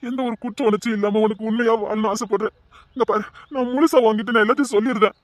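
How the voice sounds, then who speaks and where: Guy doing a guilty young lover in an audio drama, pretty high voice, earnest, keeps pushing her to listen. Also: steady tone, racing, lightly acted. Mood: urging. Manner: earnest, urging, addresses her intimately. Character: guilt-ridden young man trying to confess to his beloved.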